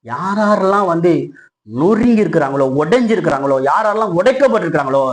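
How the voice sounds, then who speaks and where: Fiery preacher man, higher voice. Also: lively intonation, fast, poor audio. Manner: impassioned, swells to loud high peaks, quizzes the congregation. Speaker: pastor. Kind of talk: sermon.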